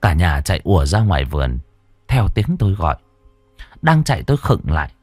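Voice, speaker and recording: A man's voice: low-pitched, big pitch swings, brisk, darkish tone, dry recording, faint music behind. A man telling a ghost story in the first person with a dramatic delivery.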